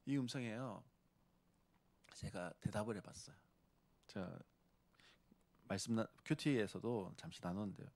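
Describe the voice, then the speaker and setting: A man preaching a sermon as pastor, swinging between loud emphasis and hushed whispers and acting out quoted speech. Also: fairly low pitch, a little slow, pauses often. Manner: acts out quoted speech of characters.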